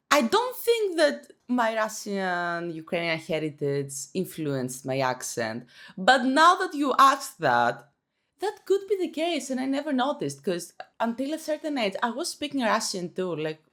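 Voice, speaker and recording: A young Greek woman with a Greek accent answers viewer questions in a casual Q&A vlog. Her medium-pitched, fairly bright voice swings widely in pitch at a measured pace. As a YouTuber she comes across chatty and self-conscious, restarting sentences often and using plenty of fillers.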